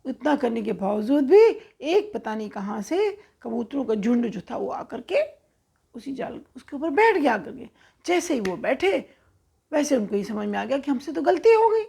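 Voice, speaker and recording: A woman telling a children's fable in a lively, conversational storytelling manner. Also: on the high side, normal speed, vocal fry, husky. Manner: animated, conversational narration.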